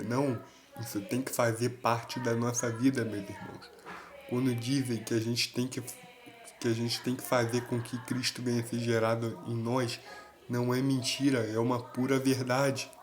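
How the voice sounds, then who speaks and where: A man's voice: medium pitch, rough recording. A man preaching an earnest sermon to video viewers, constantly addressing his listeners as brothers. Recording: background noise.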